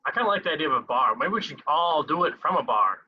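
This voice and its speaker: A man's voice: on the high side, animated, fast talker, breathy edge, highs cut off. A young man co-hosting a casual podcast, bantering and joking with his friends. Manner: joking, laid-back banter. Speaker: podcast co-host. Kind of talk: casual chat.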